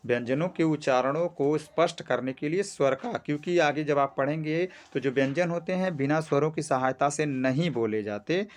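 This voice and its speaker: A man teaching a grammar lesson, explaining step by step, often checking in with "theek hai" and stretching vowels to demonstrate sounds. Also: a little high. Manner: explains slowly with frequent "ठीक है" checks.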